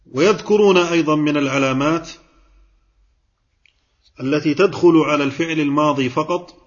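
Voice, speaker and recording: Husky-voiced male grammar teacher. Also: on the high side, highs cut off. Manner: explains step by step, quizzes and praises students. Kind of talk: classroom grammar lesson.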